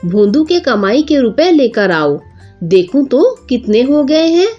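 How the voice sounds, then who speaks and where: A woman's voice: high-pitched, very animated, unhurried, dark tone, dull audio, faint music behind, heavily acted. A woman voicing a stern middle-aged village father who scolds and counts money.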